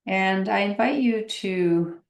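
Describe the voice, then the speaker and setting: This guided meditation is led by a woman teacher with a medium-pitched voice. She speaks gently and without hurry, pausing at length, and the recording is roomy and echoey.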